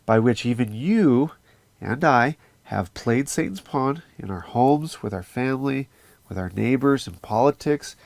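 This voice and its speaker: Gravelly-voiced man teaching scripture. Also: medium pitch, no echo. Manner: earnest, conversational with fillers. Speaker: religious teacher.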